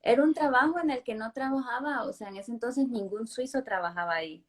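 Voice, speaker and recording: A woman's voice: fairly high pitch, fairly quick. Emphatic Honduran woman guest. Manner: emphatic, repeats words for stress. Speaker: interview guest. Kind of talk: conversational interview.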